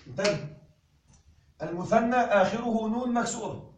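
High-voiced man teaching in an echoey classroom. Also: background noise. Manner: slow emphatic dictation of examples, checking understanding. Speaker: Arabic grammar teacher. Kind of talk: classroom lecture. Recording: echoey room recorded from a distance.

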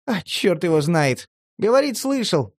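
A man voicing a touchy, tearful homeless male addict in a horror audiobook, talking in a shrill, agitated, pleading way. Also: sing-song, measured pace, dry recording, clean studio sound, full character voice. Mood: brusque. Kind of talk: audiobook character voice.

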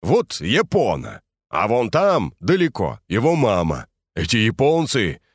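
A man's voice: fairly low pitch, huge pitch swings, measured pace, no room sound, studio quality, heavily acted. A man voicing a boisterous, bantering Moscow drinker nicknamed the cruiser, in an audiobook. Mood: hearty. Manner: loud, hearty, bantering.

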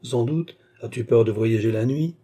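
A male reader voicing an old baroness, fussy and romantic, who gives brisk, imperious orders and swears when roused. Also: medium pitch, mellow, lightly acted. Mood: commanding.

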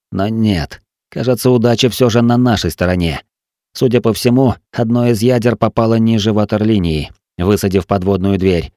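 Male audiobook narrator, low, dramatic first-person delivery, dry booth sound. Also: no echo. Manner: steady, dramatic storytelling.

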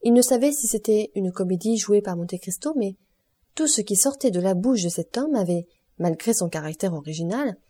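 A woman reads a classic novel aloud as an audiobook in an even, measured delivery. Her voice is mellow and warm, sitting in a middle pitch. She gives each character only a slight change of tone. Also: slightly rough. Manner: reads all characters in a lightly varied voice. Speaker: audiobook reader. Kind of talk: scripted narration of a classic novel.

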